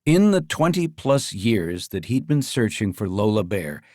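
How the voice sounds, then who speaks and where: A man narrating an audiobook in a steady, measured storytelling manner. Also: fairly low pitch, dry recording, clean studio sound. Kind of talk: scripted narration.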